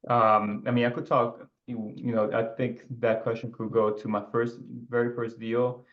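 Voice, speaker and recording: A man in his twenties from Ecuador, a guest talking in a relaxed, rambling way, with many fillers, over a video call. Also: mid-range voice, moderate pace, lo-fi sound. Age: 20s. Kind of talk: casual interview.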